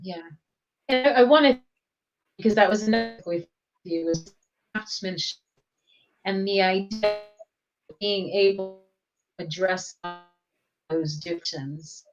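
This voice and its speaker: A woman on a video call, speaking in halting, broken-off phrases while her audio keeps cutting in and out. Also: medium pitch. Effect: choppy video-call audio cutting in and out. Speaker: participant in an online group meeting. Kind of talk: casual discussion. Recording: dull lo-fi call audio, faint music.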